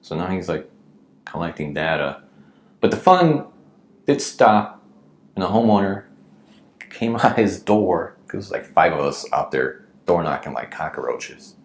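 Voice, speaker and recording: A man who works as a real estate agent, chatting casually on a podcast and telling animated anecdotes full of "like" and "um". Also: deep voice, measured pace, long pauses, echoey room. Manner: animated anecdotes with filler likes and ums. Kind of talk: casual storytelling podcast chat.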